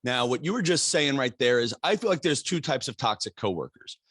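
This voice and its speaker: A middle-aged man hosting a podcast interview, talking in an animated, halting way with restarts and fillers. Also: medium pitch, breathy edge, no room sound, clean studio sound. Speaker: podcast host. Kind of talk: casual interview chat.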